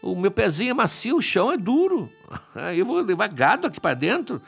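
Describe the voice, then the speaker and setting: A man's voice: high-pitched, sing-song, a little fast, vocal fry, breathy edge, faint music behind, pitched above the performer's own voice, exaggerated voice. A man voicing a crafty newborn boy god who pleads innocence in a sugary voice full of diminutives. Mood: wheedling. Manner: wheedling, piles on diminutives.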